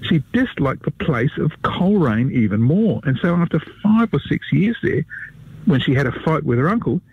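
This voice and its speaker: A man's voice: fairly high pitch, sing-song, moderate pace, phone-quality sound, a little hiss or hum. A man with an Australian accent telling local history stories on live radio in a chatty, leisurely way. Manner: chatty, leisurely storytelling with asides to the host. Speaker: history storyteller, regular guest.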